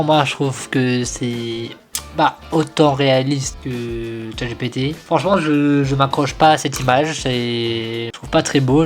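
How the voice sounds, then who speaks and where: Slangy, hesitant young man with faint music. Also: mid-range voice. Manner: hesitant, slangy, repeats and restarts often. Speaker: YouTuber testing image tools. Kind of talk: casual screen-recording commentary.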